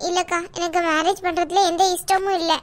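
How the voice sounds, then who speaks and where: A woman voicing a withdrawn, divorced young woman who pleads to drop the subject in an animated story. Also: very high-pitched, brisk. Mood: resigned. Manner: soft, pleading, resigned. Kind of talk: cartoon voice acting.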